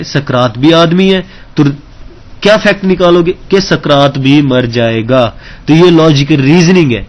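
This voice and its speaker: A man's voice: fairly high pitch, a little hiss or hum. A male teacher giving an exam-prep lecture, explaining step by step, often asking if students follow and mixing English terms into his talk. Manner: keeps checking understanding with questions.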